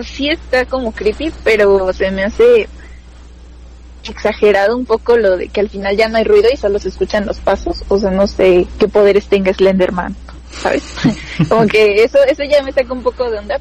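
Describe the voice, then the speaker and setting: A woman's voice: mid-range voice, moderate pace, a little mellow, rough recording. Thoughtful woman recalling memories. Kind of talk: casual storytelling chat.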